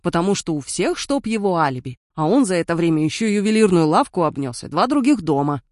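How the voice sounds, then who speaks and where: A woman's voice: lowish voice, big pitch swings, quick pace, a little mellow, no room sound, clean studio sound. A woman voicing a grumbling male investigator.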